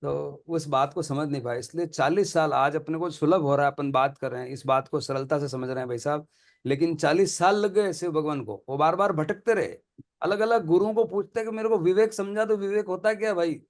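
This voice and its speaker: A man's voice: on the high side, a little fast. A man talking through spiritual teachings in a casual discussion, earnest and colloquial, repeating phrases for emphasis. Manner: laughs between points.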